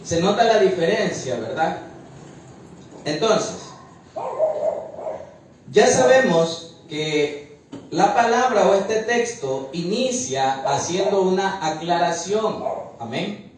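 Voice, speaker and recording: A man's voice: high-pitched, animated, slow, long pauses, slight background noise. A male preacher teaching a Bible study, explaining patiently and often ending his points with "amén". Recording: very echoey room, far from mic.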